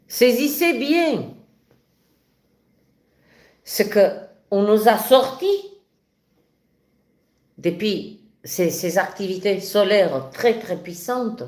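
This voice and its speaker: A French woman with a regional accent hosts a spiritual live stream and talks with fervent passion. She speaks slowly and spontaneously, often restarting her phrases. Her voice carries a roomy echo. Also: mid-range voice. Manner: passionate, animated, with many restarts. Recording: echoey room.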